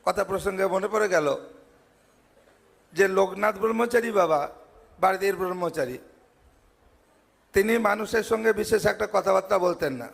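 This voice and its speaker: High, gravelly-voiced man preaching in a hall. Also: moderate pace, pauses often. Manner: earnest, builds points through repeated parallel phrases. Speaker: monk giving a speech at a devotee gathering. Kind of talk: devotional sermon. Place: large ashram assembly hall. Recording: long hall reverb.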